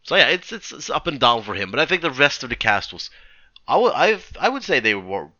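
A man co-hosting a podcast, chatting casually about a film, halting and restarting his phrases. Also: medium pitch, sing-song, pushed and bright, dry recording, dull audio. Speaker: podcast co-host. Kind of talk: casual film review chat.

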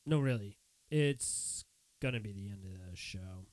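A man's voice: on the low side, measured pace, a little mellow, no room sound. A man hosting a casual solo podcast, rambling with sardonic jokey asides. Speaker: podcast host. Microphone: headphones with a studio mic.

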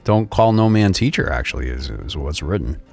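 A man in a casual faith discussion, animated, repeating himself and laughing often. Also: rumbling low, normal speed, breathy edge, faint music behind. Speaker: co-host.

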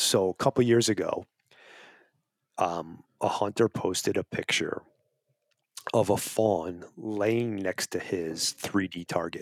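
In a relaxed interview, a wildlife advocacy guest with a low voice argues his points earnestly and persuasively, frequently starting phrases over. The sound is studio quality, without echo.

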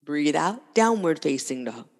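A woman instructor guiding a yoga class with calm, unhurried cues in short, breath-led phrases. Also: low voice. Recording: long reverberant room echo.

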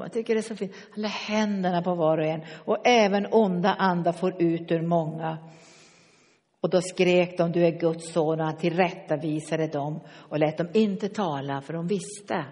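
Older preacher, sermon, storytelling with asides, hall echo. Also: medium pitch. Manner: lively storytelling with asides, drops to soft tones for tender passages.

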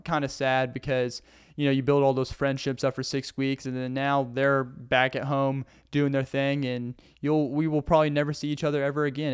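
A young man from Arkansas with a Southern accent hosts a casual solo podcast while sitting on the floor indoors. His medium-pitched voice is smooth; he rambles earnestly and laughs often. The sound is clean studio quality with no room sound.

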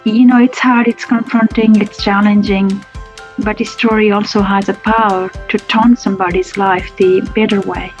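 A woman from Nepal, a public health lecturer, telling her personal story in an interview, reflective and pausing with restarts. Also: medium pitch, flat delivery, muffled recording, soft background music.

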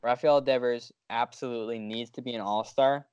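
A man of average pitch chats casually as a sports podcast co-host. His recording is dry, with hardly any room sound. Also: fairly even intonation, fairly quick, darkish tone, smooth, no room sound, dull audio.

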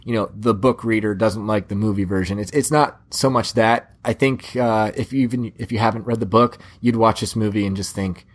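A man's voice: on the low side, steady tone, fairly quick, hardly any pauses. A young man hosting a movie podcast in casual chat, rambling with restarts. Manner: rambling, many restarts and fillers. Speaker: podcast host.

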